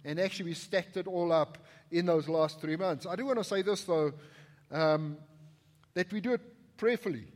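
A man's voice: sits high, moderate pace. A man preaching as a church pastor in an informal, conversational and emphatic way. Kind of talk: conversational sermon. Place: large indoor church room. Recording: echoey hall with long reverb.

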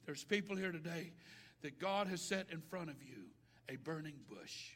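A man preaching a sermon, swinging between shouts and hushed lines, with folksy grammar. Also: a little high, expressive, moderate pace. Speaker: pastor. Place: church sanctuary. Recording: long reverb of a large hall.

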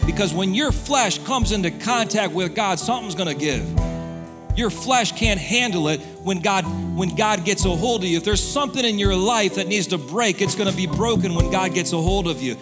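A male pastor with a high voice and lively intonation preaches at normal speed during a church service in a large hall. His delivery is emphatic, repetitive and conversational, full of rhetorical questions, with echoey hall reverb and music behind him.

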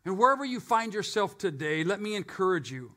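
A man preaches a live sermon in church, his voice sitting high and sounding bright and forceful. He swings from loud, emphatic lines to quiet, low stretches. He drops joking asides along the way. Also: very animated, brisk. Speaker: pastor.

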